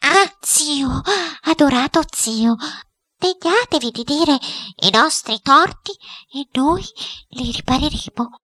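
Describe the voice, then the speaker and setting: Shrill pleading matron. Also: female voice, expressive, slow pace, pushed and bright, dry recording, exaggerated voice. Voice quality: high, pleading. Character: shrill, pious, fawning older woman at a seance.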